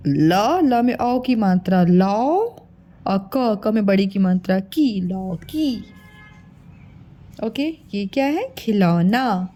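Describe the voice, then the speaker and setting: A woman with a medium-pitched, dark voice leads a children's spelling lesson. She sounds out words slowly, stretching each syllable, and coaxes her listeners, calling them children.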